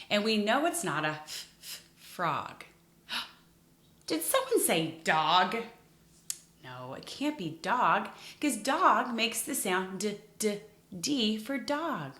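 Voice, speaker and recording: A woman teacher tutoring young children in phonics, sounding out letters expressively with exaggerated gasps and hushed asides. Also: mid-range voice. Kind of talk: children's lesson addressed to viewers. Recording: roomy echo.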